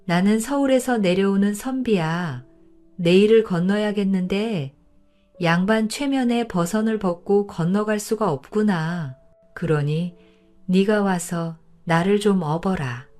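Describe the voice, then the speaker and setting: A woman's voice: mid-range voice, a little slow, darkish tone, faint music behind, close to an everyday voice. A woman voicing an arrogant young male scholar from the capital who scolds and then begs. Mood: haughty. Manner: haughty scolding, then begging.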